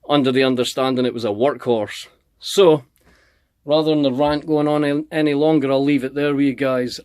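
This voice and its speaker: A man vents his frustration in a heated, confrontational rant, hammering the same points over and over. His voice sits at an ordinary pitch. The sound is dry, with no room echo. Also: smooth. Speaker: channel host. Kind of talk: angry ranting vlog.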